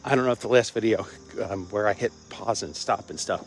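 A little background noise accompanies an older Cincinnati vlogger speaking fairly quickly in a lowish voice. He's doing a casual walk-and-talk outdoors on a suburban campus, phone at arm's length and wireless earbuds in, rambling with chuckles and frequent fillers.

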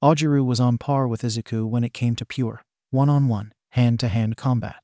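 A man narrating a fan fiction story aloud in a steady, even reading style. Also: mid-range voice, fairly quick, no echo, clean studio sound.

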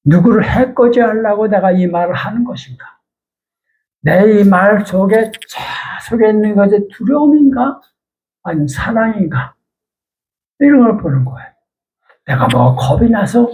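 Older Korean preacher with a gravelly voice. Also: male voice, high voice, lively intonation, moderate pace, a little mellow, poor audio. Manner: conversational, plain-spoken preaching with rhetorical questions. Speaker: pastor. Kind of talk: sermon. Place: church.

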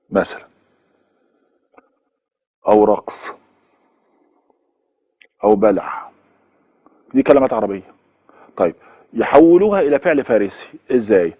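A man's voice: medium pitch, breathy edge, no echo, lo-fi sound. A man with an Egyptian accent giving a recorded university course lecture, listing examples one by one and repeating them, with fillers. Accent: Egyptian Arabic.

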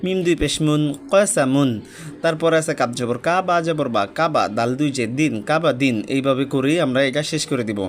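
A man's voice: fairly high pitch, fairly quick. A man teaching Quran reading step by step, spelling each letter with its vowel mark and joining the syllables patiently. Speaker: religious teacher.

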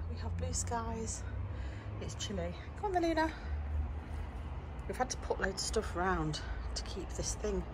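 A woman's voice: on the low side, noisy background. A middle-aged woman, chatting casually and rambling through her day to a handheld camera at home. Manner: chatty, rambling, self-deprecating. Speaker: vlogger. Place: home and back garden.

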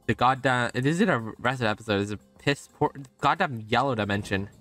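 A young male streamer reacting to a story game with sarcasm and frequent swearing. His voice is bright and jumps around in pitch. Faint game music plays behind him. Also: animated, fairly quick. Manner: sarcastic, swears a lot, laughs often. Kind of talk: casual gameplay commentary.

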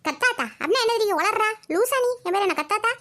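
Cartoon gossip auntie played by a woman: Kayalpattinam Tamil accent, very high squeaky voice, nagging and preachy. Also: expressive, quick pace, sharp tone, full character voice. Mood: defensive. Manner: nagging, lecturing. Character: meddling gossipy middle-aged auntie. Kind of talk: cartoon voice acting.

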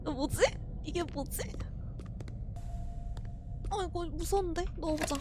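A woman's voice: very high voice, a little slow, noisy background. A young woman streaming a horror game, talking herself through it, jumpy and frightened, laughing and shrieking as she plays. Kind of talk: horror game let's play commentary.

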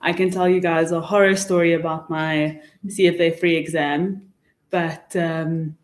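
A table microphone in a reverberant indoor meeting room picks up a young South African woman on a webinar panel. Her lowish voice barely moves in pitch and she takes her time, giving casual yet emphatic, straight-talking advice.

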